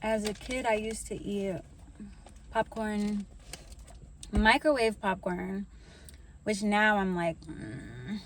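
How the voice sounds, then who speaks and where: A woman's voice: mid-range voice, a little hiss or hum. A young woman chatting casually in a vlog, sharing intuitive messages while she eats a snack. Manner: relaxed, slow and unhurried, talks while snacking.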